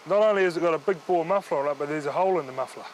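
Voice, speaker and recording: A man's voice: fairly high pitch, racing, poor audio. A man with a New Zealand accent, a police officer explaining and instructing in a firm, matter-of-fact way. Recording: outdoor location sound, vehicle noise.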